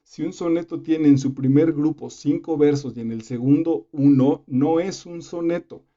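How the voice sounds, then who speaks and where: Guy teaching literature, super mellow dark voice, chatty with lots of fillers, kinda dull lo-fi sound. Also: a little high, moderate pace. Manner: conversational, with fillers and asides to the viewer. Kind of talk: casual explanatory lesson. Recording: slightly dull lo-fi recording.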